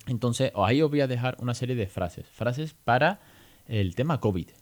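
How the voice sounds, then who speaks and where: A man with a Spain accent hosting a podcast, talking in a lively, chatty way and mixing in English phrases. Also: medium pitch, moderate pace. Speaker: podcast host. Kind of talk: casual podcast monologue.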